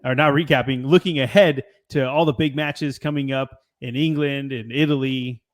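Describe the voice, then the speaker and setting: A man's voice: mid-range voice, normal speed. Laid-back male soccer podcast host. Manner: relaxed, rambling, laughs easily. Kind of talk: casual chat.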